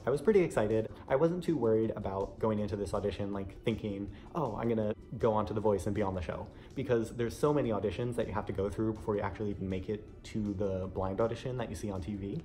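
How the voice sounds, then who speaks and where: A young American man, a young adult vlogger, chats casually to camera about an audition experience. His voice is fairly low and mellow, and his storytelling is conversational.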